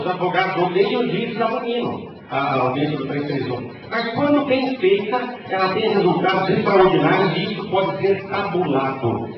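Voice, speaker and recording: Brazilian man lecturing in an echoey hall. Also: high voice. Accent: Brazilian Portuguese. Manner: lively storytelling, wry humour. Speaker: conference panelist, lawyer. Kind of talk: conference lecture. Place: large conference hall. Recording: echoey hall, distant dull mic, noisy.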